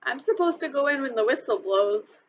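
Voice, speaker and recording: A woman's voice: high-pitched, animated, a little fast, lo-fi sound, a little hiss or hum. A woman voicing a cross, grudging schoolboy in a storybook reading, grumbling and bossy.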